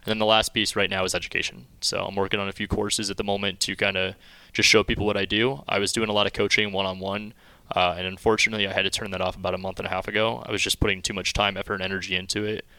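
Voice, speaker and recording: Fast-talking, bright-voiced young man. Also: low-pitched, level tone, clear, resonant tone, no room sound. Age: 20s. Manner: upbeat, emphatic business talk. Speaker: podcast guest. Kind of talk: casual podcast chat.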